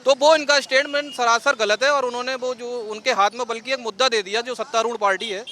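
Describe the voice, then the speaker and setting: Man interviewee, very high bright voice, earnest and rambling, outdoor traffic noise. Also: fairly even intonation, fast. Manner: earnest, rambling, many fillers. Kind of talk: street interview. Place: city street with traffic.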